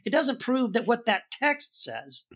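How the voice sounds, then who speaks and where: A man co-hosting a podcast, giving an emphatic, animated rebuttal to a video clip. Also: very high voice, measured pace, slightly rough. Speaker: podcast co-host.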